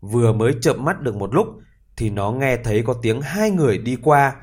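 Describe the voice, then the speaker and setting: A man narrating a fairy tale for listeners in a lively, expressive reading voice. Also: mid-range voice, a little fast. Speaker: storyteller.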